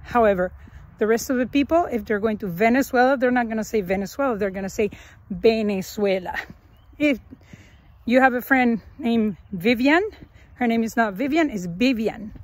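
A woman's voice: a little high, brisk. A woman teaching a casual language lesson outdoors in a cheerful, chatty way. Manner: cheerful and chatty, laughs while explaining. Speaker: Spanish teacher.

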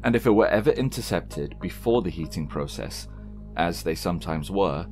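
A man with a very low, deep voice narrates a scripted horror story. His delivery is measured and solemn. Soft music plays faintly behind him. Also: animated. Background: faint background music.

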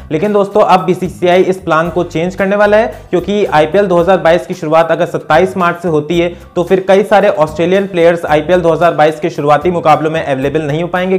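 Young male news vlogger, slightly high voice, brisk to-camera read, lapel mic, faint music bed. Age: young adult. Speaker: cricket news YouTuber. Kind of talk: scripted news vlog. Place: small indoor room, plain wall.

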